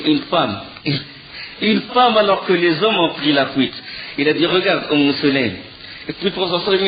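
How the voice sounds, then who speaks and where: A man with a slightly high voice lectures on religious history, animatedly retelling a story while often restarting sentences and using fillers. The recording is muffled, with slight background noise.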